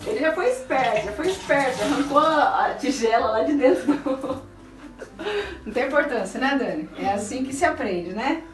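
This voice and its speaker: With a high voice, a middle-aged aunt and cooking show host patiently talks through a casual home cooking demo with a child, explaining the steps to viewers in a chatty, coaxing, encouraging way. Recorded in a small, roomy indoor kitchen on a camera held by a helper a few feet away, it has music behind.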